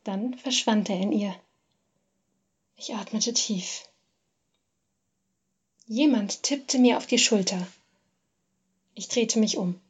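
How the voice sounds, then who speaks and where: A woman narrating a first-person literary story in a measured, expressive reading. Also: mid-range voice, slightly rough.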